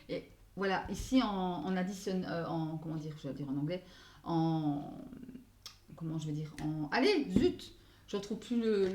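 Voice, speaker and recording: A woman's voice: mid-range voice, a little mellow. Hesitant French-speaking woman, echoey room. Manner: hesitant, searching for words with many fillers; mixes in English phrases. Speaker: astrology card reader. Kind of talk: casual spoken tarot guidance.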